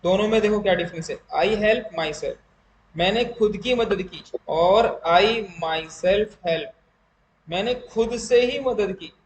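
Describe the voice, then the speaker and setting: A male English teacher, running an online class and slowly explaining grammar with examples. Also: high voice. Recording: echoey room with faint noise.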